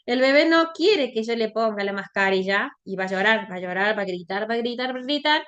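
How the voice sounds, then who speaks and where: A woman's voice: a little high, animated, fairly quick, fairly bright tone, smooth, highs cut off. A woman giving a lecture, explaining in a conversational way and often checking in with her class. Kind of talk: online lecture.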